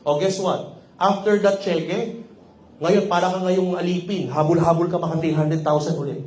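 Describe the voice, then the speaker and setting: A man's voice: high voice, slight background noise. A man with a Filipino accent giving a sales training seminar, teasing and often checking that the audience is following. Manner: teasing, keeps checking in with the crowd. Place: company office training room. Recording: echoey room.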